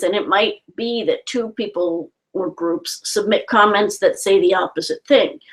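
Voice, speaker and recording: A woman's voice: medium pitch, low-quality recording. Earnest woman explaining step by step. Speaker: host. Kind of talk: explanatory talk. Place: home.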